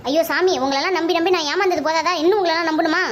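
A woman voicing a stubborn village mother in an animated family comedy-drama, bitter and scolding, with a shrill sped-up cartoon voice. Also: very fast, a little hiss or hum. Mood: defiant, angry.

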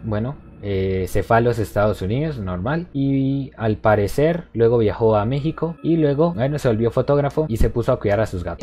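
A man's voice: medium pitch, warm tone. A man doing let's play commentary on a horror game, joking and talking back to the characters on screen. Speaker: gameplay commentator.

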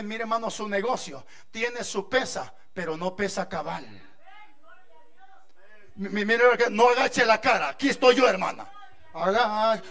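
A male pastor with a Guatemalan accent, giving an animated sermon with shouting and jokes. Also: extremely high pitch. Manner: shouting, joking, animated preaching.

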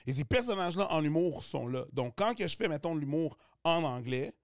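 A man's voice: on the high side, lively intonation, brisk, no room sound, studio quality. A man with a Quebec French accent, a comedian guest talking casually and animatedly, slipping into other voices and accents as he explains. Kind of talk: casual podcast chat.

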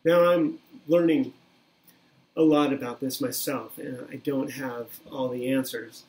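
A man in his fifties preaching a sermon by webcam from a small room, in an earnest, measured way that repeats key phrases. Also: mid-range voice, fairly even intonation, a little mellow, poor audio. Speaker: pastor. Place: small plain room indoors. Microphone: webcam at desk, video recording.

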